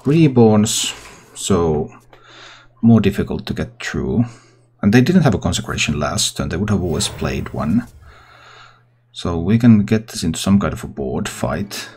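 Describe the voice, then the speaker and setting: A man's voice: sits low, animated, a little slow, a little mellow, husky. A man who hosts gaming videos, giving casual game commentary and thinking aloud. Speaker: gaming content creator and host. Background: background music.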